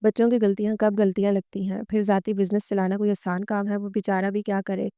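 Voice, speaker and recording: A woman reading a romance novel aloud as narrator, in a steady, even way. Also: medium pitch, fast talker, smooth, dry recording, studio quality.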